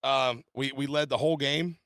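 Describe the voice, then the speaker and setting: A man co-hosting a podcast, talking in a resigned, flat way. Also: medium pitch, moderate pace, smooth, dry recording. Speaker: podcast co-host. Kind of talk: casual chat.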